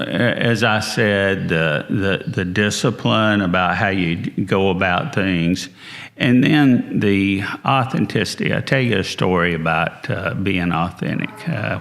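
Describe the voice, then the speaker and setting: An older man with a slow Southern drawl tells stories as an interview guest. His voice sits very low, with a gravelly, creaky grain. He takes his time and lets each sentence settle. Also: a bit bright. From North Carolina, US. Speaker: guest, business founder. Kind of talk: storytelling in an interview.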